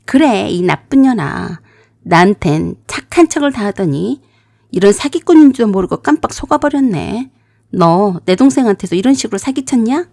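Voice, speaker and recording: A woman voicing a furious, sharp-tongued older sister who shouts and curses. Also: medium pitch, big pitch swings, normal speed, gravelly, no room sound, clean studio sound. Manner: shouting, cursing.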